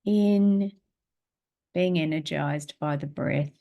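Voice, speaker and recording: A woman teaching a spiritual class, guiding a meditation in a slow, calm, gentle way and reading aloud. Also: low-pitched, vocal fry, dull audio.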